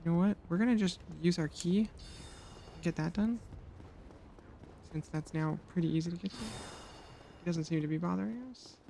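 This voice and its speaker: A streamer narrating a game run in a loose, chatty way, cracking jokes and swearing now and then. The voice sits at an ordinary middle pitch. Everything is aimed at the chat watching live. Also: normal speed, gravelly, pauses often, warm tone, slight background noise. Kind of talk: casual gameplay commentary.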